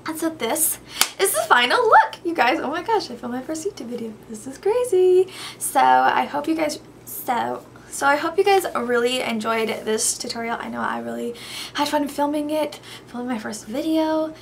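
A woman's voice: sits high, lively intonation, normal speed, vocal fry, slight background noise. A young woman doing a chatty, gushing makeup tutorial vlog, sounding a little tired. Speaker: beauty vlogger.

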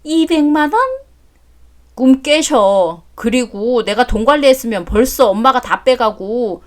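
A woman reads a story drama aloud, voicing a grown son who snaps curtly at his mother, clearly exasperated. Her voice sits on the high side, natural and unhurried.

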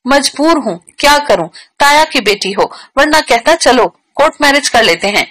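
Brief: woman reading a teasing young man, playful, lively pitch, audiobook. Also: normal speed, rough recording.

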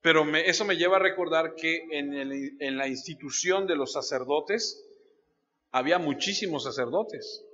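A man's voice: on the high side, normal speed, sharp tone. A man preaching a sermon as a pastor, telling stories and putting questions straight to his listeners. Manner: storytelling, addresses listeners directly with questions. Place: church. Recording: dull lo-fi sound with long church hall reverb.

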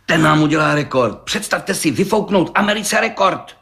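Man reading as an excitable village gendarme. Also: a little high, creaky, voice pushed up. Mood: excited. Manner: rambling, eager, breathless storytelling. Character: excitable boastful male village gendarme, middle-aged. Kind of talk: audiobook reading.

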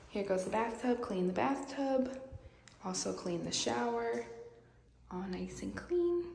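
Young woman touring an echoey empty apartment. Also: fairly low pitch. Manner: chatty, quick, casual, repeats "here goes". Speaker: vlogger. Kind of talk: casual vlog apartment tour. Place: empty apartment with bare hard floors. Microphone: handheld phone camera at arm's length. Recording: echoey empty rooms, noisy.

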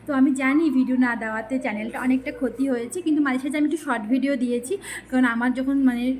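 A woman's voice: high voice, fairly even intonation, racing, darkish tone, slight background noise. A woman talking casually to her viewers, rambling and chatty with many fillers and restarts. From West Bengal, India. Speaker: lifestyle vlogger.

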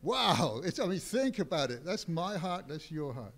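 A man preaching a sermon as pastor in a church, with a deliberate delivery that swells and drops in loudness for emphasis. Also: on the high side, very animated.

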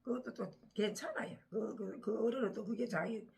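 An older Gyeongsang woman, a vlogger and home caregiver, chats casually to the camera in her Gyeongsang Korean accent over morning coffee at home. She teases her husband, laughs a lot, and now and then sinks into a soft murmur. Her voice sits on the high side, creaky, at a normal speed.

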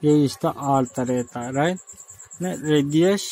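Slow, mellow man teaching a lesson. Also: fairly high pitch, low-quality recording. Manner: talks through arithmetic aloud, corrects himself; asks and answers his own questions. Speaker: drawing teacher.

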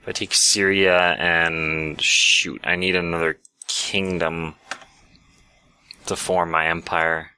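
Casting note: low-pitched man, bright forceful tone, dry close sound, casual gameplay chat. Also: level tone, takes it slowly, clear, resonant tone, dry recording. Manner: musing aloud while playing. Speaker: let's play host.

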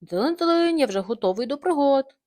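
A cheerful, brave little tractor boy from a bedtime storybook, as a woman puts him on. He talks high and bright, swinging his voice up and down with eager exclamations. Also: sing-song, normal speed.

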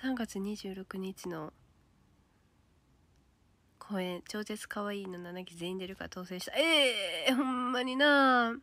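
A woman with a Kansai accent chatting casually on a livestream, reading out viewer comments and now and then dropping to a soft whisper. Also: mid-range voice, slow, long pauses, no room sound. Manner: chatty, reads comments aloud, drops to a soft whisper at times.

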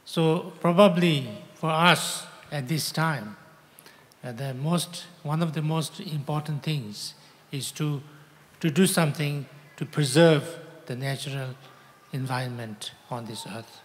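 A man's voice: fairly high pitch, takes it slowly, long reverb tail, a little hiss or hum. A man interpreting a teacher's words into English, hesitant with many filler sounds.

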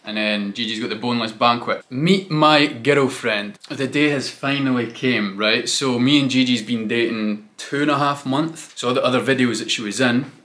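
Young guy vlogging, slangy and chatty, bright tone. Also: mid-range voice, moderate pace, hardly any pauses. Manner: chatty, loose, uses slang like mate and innit. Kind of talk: casual chat.

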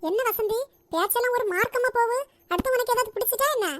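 A stern old matriarch from a cartoon, voiced by a woman, who scolds and commands in a Nagercoil Tamil accent. Her voice sits extremely high and the words come out fast. It sounds dry and close. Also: fairly bright tone, no echo. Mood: puzzled. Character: stern elderly matriarch of the household. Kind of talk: cartoon voice acting.

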